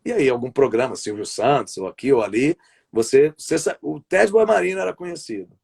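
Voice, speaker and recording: Animated and fairly quick, this Brazilian man has a mid-range voice that is darkish, slightly rough, and touched with vocal fry. A wrestling commentator and play-by-play announcer, he's chatting casually in an interview streamed live over a video call, rambling and restarting his sentences often.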